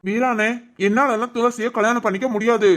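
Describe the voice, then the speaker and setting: A woman's voice: on the high side, steady tone, fairly quick, a bit bright, lightly acted. A woman voicing a young man in a cartoon family story, firm and pleading, with a southern Tamil Nadu accent. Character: young man, earnest, firm groom refusing to marry. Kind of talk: cartoon voice acting.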